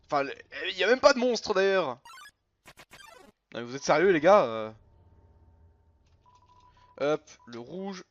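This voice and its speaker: Guy doing lets play commentary, chatty and worked up, slightly high voice, muffled lo-fi sound w game music faint behind. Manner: animated, chatty, quick outbursts of frustration. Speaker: gaming youtuber.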